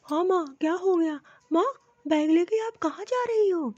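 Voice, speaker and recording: A woman's voice: very high-pitched, normal speed, a little mellow. A woman voicing an easygoing young married man in a cartoon story, talking in a soothing, placating way. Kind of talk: cartoon voice acting. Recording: dull, muffled lo-fi recording.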